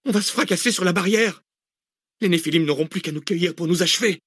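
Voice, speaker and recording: A man's voice: medium pitch, expressive, fairly quick, no room sound, clean studio sound, voice pushed up, lightly acted. A man reading an audiobook, voicing an angry, sarcastic female researcher on the run. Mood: panicked. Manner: biting, sarcastic, exclamatory. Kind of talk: audiobook character voice.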